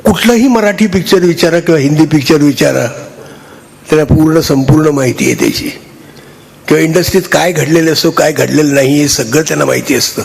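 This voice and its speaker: An older man gives a halting, chatty speech on stage, thanking people and joking with the audience. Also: a little high, expressive, gravelly. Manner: halting, restarts, warm and chatty with the crowd. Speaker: honoree giving a speech.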